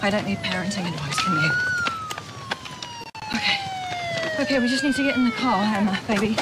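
A woman's voice: on the high side, wildly swooping pitch, brisk. Frantic British mother, very noisy recording. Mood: agitated. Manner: agitated, insistent, repetitive. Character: distraught, defiant mother unravelling in panic. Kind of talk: television hospital drama acting.

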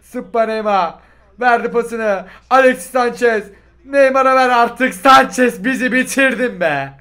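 A high-voiced young man with a bright, sharp tone calls out a football video game match with excitement. He teases his opponent, laughs, and shouts out passes and shots as they happen. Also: a little slow. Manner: teasing, shouting play-by-play, laughing. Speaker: gaming YouTuber. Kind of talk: excited gameplay commentary.

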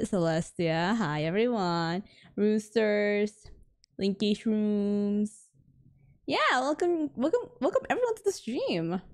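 A woman streaming a game live, chatting casually with her viewers in a bubbly, talkative way, her voice a little raspy and hoarse from getting sick. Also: mid-range voice, darkish tone. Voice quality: slightly raspy. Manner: bubbly and chatty, with frequent laughs and gasps. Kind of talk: casual live-stream chat, reading chat aloud.

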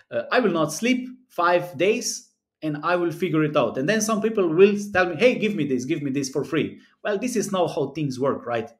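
A European man in his 30s, whose first language is South Slavic, speaks English in a slightly high voice, framed in a webcam close-up. He's a sports betting analyst recording on-screen commentary from a small indoor room. He comes across as earnest and repetitive, working through numbers with plenty of hesitant fillers.

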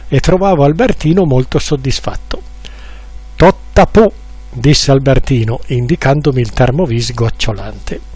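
A man's voice: mid-range voice, mellow, slightly rough, dry recording. A man narrating a humorous literary story with dry irony, now and then acting out the quoted lines.

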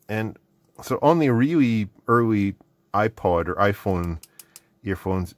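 At an indoor electronics workbench, the middle-aged host of a mailbag video gives loose, off-the-cuff commentary as he unboxes and tests gadgets, rambling and muttering to himself along the way. His voice sits low.

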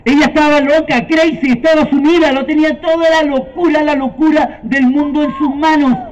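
A male storyteller with a Chilean accent narrates a fairy tale live, playful and animated, quizzing his listeners. His voice sits very high for a man. The recording is dull and lo-fi. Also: moderate pace. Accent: Chilean Spanish.

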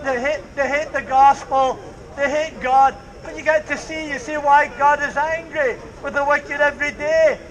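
A man's voice: very high-pitched, a bit bright. An older man preaching outdoors in a market square, fervent and repetitive. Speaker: street preacher. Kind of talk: open-air street preaching. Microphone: distant camera, preacher with handheld mic and speaker. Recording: open-air sound from a distance.

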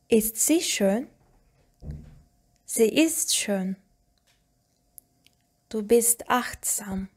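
A woman reading short example sentences one by one for a language lesson, slowly and deliberately with pauses. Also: mid-range voice, breathy edge. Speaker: language teacher.

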